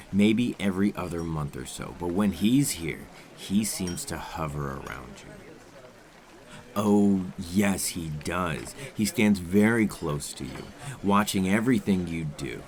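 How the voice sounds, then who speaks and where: A suave, menacing male criminal played by a man in an ASMR role-play. His voice sits low and moves in animated swings. He is smooth and condescending, impatient and used to giving orders. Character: suave, menacing male criminal coaxing a captive dinner date.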